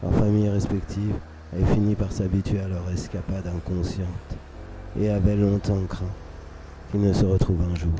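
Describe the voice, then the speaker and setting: A man reading a scripted dramatic story for radio in a measured, solemn, literary way. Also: sits low, level tone, background noise. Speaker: narrator. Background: music under the voice.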